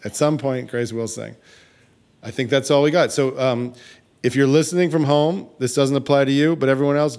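A man's voice: mid-range voice, a little mellow, smooth. Man host, casual and joking, working a small room. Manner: chatty and joking, hands off to audience members. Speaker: event host. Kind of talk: casual live-event wrap-up.

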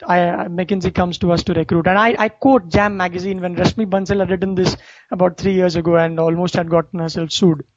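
A man's voice: high-pitched, flat delivery, brisk. A man with an Indian accent co-hosts a casual talk show, giving wry opinions in English with some Hindi, on a lo-fi recording. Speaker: co-host of an online talk show.

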